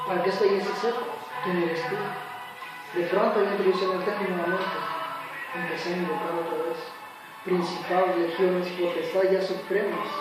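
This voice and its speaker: A man giving an earnest, dramatic church testimony, acting out the voices in his story. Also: high-pitched. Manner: earnest, dramatic retelling with acted quotes. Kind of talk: spoken personal testimony. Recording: very echoey, far from the mic, faint music.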